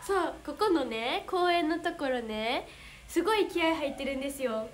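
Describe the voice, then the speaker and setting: A young woman with a high-pitched, lively voice and a Kansai Japanese accent chats casually on an idol livestream at a moderate pace. She reads fan comments in a bubbly, giggly way and gets flustered easily, with background noise behind her.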